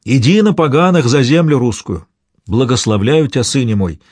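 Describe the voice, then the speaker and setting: A blind medieval grand prince, read by a man in his own voice, giving orders and blessings with heavy feeling. His voice sits at an ordinary male pitch. It is recorded dry and close. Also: animated, moderate pace, a little mellow, husky, no echo. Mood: anguished. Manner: commanding, emotional.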